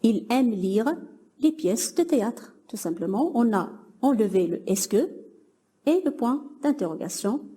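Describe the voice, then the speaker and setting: A woman's voice: fairly high pitch, lively intonation, a little slow, dark tone. A young woman teaching a grammar lesson to middle-school pupils, patiently explaining and praising imagined answers.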